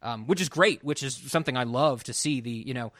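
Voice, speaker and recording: A podcast co-host chats casually in a loose, rambling way, restarting often and laughing a lot. His mid-range voice is fairly quick and fairly bright, captured as clean studio sound with no echo.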